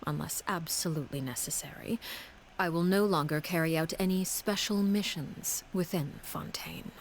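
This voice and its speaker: A woman voicing a cold, composed commander in a video game who speaks in a measured, formal and quietly menacing way. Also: on the low side, a little hiss or hum, natural voice, poor audio. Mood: calm. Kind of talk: game voice acting.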